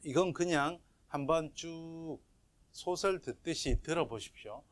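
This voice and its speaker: A man's voice: fairly high pitch, unhurried. A middle-aged man teaching a grammar lecture online, patient and checking in with his listeners as he explains. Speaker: professor teaching Biblical Hebrew.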